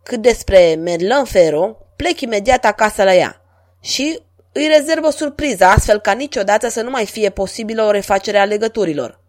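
A woman voicing a vain, lovestruck middle-aged king in a storybook reading, speaking grandly and louder than her narration. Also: mid-range voice, expressive, lightly acted. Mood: imperious.

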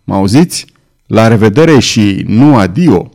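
Male reader as a hoarse, proud young rival; bitter threats, dark and low. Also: lively intonation. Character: jealous young man, violent and proud.

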